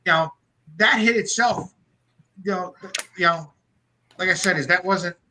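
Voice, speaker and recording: Guy on a hockey podcast, kinda high bright voice, swears a lot, rambles and restarts. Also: normal speed, a little hiss or hum, low-quality recording. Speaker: podcast co-host. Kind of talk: casual hockey chat.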